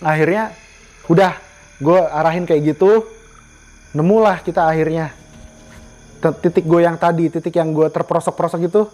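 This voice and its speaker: A man's voice: fairly high pitch, steady tone, normal speed, pauses often, darkish tone. A man telling a first-person scary story in a casual, slangy way with a tense edge.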